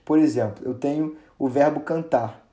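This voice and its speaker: A man teaching a casual grammar lesson, chatty and relaxed, with many fillers and restarts, drawing out example words for emphasis. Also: a little high, moderate pace.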